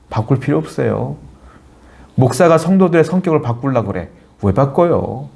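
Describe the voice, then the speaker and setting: A man's voice: medium pitch, gravelly, a little mellow. A man preaching an earnest sermon as a pastor. He asks his congregation questions and answers them himself, reads scripture aloud, and acts out the quoted lines.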